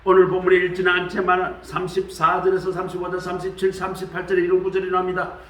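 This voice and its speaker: Animated high-voiced pastor in an echoey church. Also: male voice, fast, distant mic. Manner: animated, acts out quoted voices with shifts of pitch; colloquial, repeats "말이죠". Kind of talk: sermon. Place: church sanctuary.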